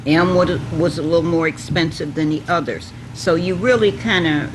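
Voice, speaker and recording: A talk show guest giving practical advice in a slow, deliberate casual way. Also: mid-range voice, background noise. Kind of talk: casual studio chat.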